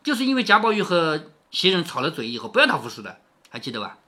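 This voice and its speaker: A man hosts a reading of a classic novel, stopping often to explain it and to put rhetorical questions to the listener. His voice is bright and sharp, and his pitch swings widely through each sentence. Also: huge pitch swings, fast. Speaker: host reading a classic novel aloud with commentary.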